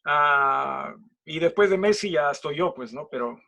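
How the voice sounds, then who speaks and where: A Peruvian pastor teaches a Bible study in a loose, conversational way, checking in with his listeners after almost every phrase. He is a man with a fairly high speaking voice. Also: lively intonation, measured pace, creaky, bright, forceful tone. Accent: Peruvian Spanish. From Peru. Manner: chatty, asks "¿no?" and "¿sí?" after nearly every phrase, jokes.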